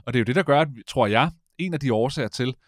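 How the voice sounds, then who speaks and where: A man in casual conversation as a podcast host, rambling and animated, often stopping to correct himself. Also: mid-range voice, no echo, studio quality. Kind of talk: casual chat.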